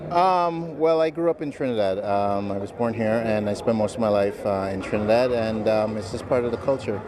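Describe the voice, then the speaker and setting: A man's voice: fairly low pitch, fairly quick, crowd noise. A man interviewed as a parent, speaking hesitantly with many fillers.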